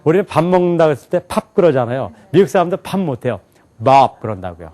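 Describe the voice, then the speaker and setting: Male lecturer, lively rising and falling delivery, quizzes the room. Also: on the high side, quick pace. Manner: animated, asks the class questions and answers them himself. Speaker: English teacher. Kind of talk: lecture to a live class.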